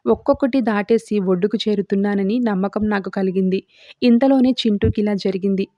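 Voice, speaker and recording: A woman's voice: medium pitch, brisk, dark tone, no room sound, natural voice. A woman reading as a distraught young mother hiding a secret son. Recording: dull dry lo-fi recording.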